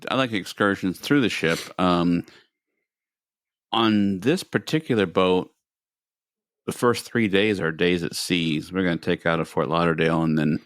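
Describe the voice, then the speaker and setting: A man co-hosting a podcast talks in a very low voice. His casual chat rambles, and he repeats words as he gathers his thoughts. The recording is close and dry. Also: a little slow, no echo. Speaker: podcast co-host.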